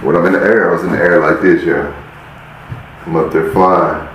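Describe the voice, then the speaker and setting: A podcast host with a low-pitched, slightly bright voice tells a story casually at normal speed in a steady tone. He often turns to listeners with "y'all" and acts out the scenes as he goes. The recording has a roomy echo and faint hiss.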